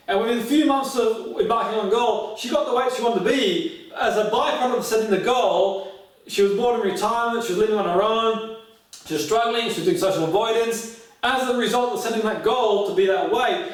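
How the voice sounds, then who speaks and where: A high-pitched male voice with an Australian background urges listeners on in a motivational talk about setting goals. His style is direct, built on repeated catchphrases and rhetorical questions, and the recording is very echoey, from a mic placed far away.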